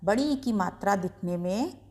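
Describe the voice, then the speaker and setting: A woman's voice: medium pitch, expressive, normal speed, a little mellow. A woman teaching beginners to read, patiently sounding out each syllable and stressing the long vowels. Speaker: Hindi reading teacher. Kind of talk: slow beginner reading lesson.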